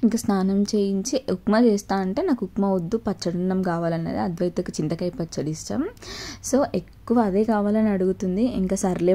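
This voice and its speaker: A woman's voice: lowish voice, mellow. A young adult woman, a mother, narrating her home vlog in a chatty, step-by-step way with frequent filler sounds. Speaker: vlogger and mother.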